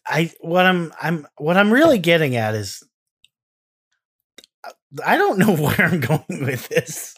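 A man's voice: fairly high pitch, sing-song, takes it slowly, pauses often, fairly bright tone, slightly rough. Rambling chatty man on a podcast. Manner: rambling, self-interrupting, jokey. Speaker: podcast co-host. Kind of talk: casual chat.

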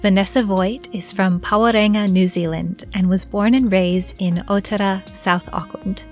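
Gentle, measured woman podcast host. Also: medium pitch, fairly even intonation, faint music behind. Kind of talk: podcast introduction and interview.

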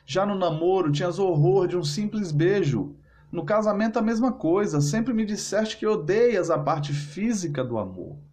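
A man's voice: high voice, expressive, moderate pace, darkish tone, voice pushed up. A man voicing a middle-aged husband who has been betrayed, bitter and anguished, speaking intensely.

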